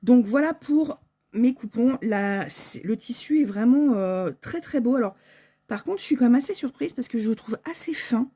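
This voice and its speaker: A woman's voice: on the high side, expressive, normal speed, warm tone, husky. A French woman chatting casually through an unboxing, hesitant and full of fillers, with packaging crinkling behind her. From France. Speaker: sewing shop owner.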